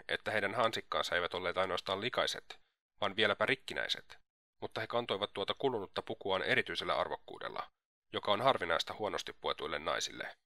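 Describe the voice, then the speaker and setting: Deep, forceful male audiobook narrator. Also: no echo. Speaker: audiobook reader. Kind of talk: scripted narration.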